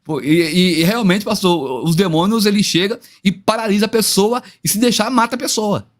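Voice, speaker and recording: A man's voice: sits high, moderate pace. A man with a Brazilian Portuguese accent, a guest pastor telling a personal story with hesitant restarts.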